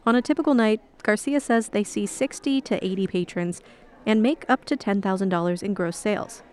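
A woman reporter reading a scripted radio news feature in a narrator's measured storytelling style. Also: mid-range voice, darkish tone.

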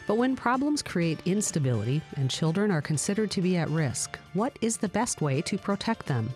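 A woman's voice: lowish voice, big pitch swings, moderate pace, darkish tone, soft background music. A woman hosting a radio talk show, presenting scripted introductions and questions to guests.

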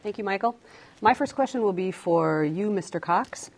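A woman's voice: mid-range voice, lively intonation, normal speed, a little mellow. A woman journalist putting a formal, prepared question to candidates in a debate.

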